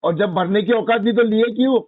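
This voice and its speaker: A man owing on a loan mocks the collector and picks a fight on a tinny phone line. His voice sits high and dry. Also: fairly quick, no room sound. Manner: mocking, combative. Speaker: borrower being called.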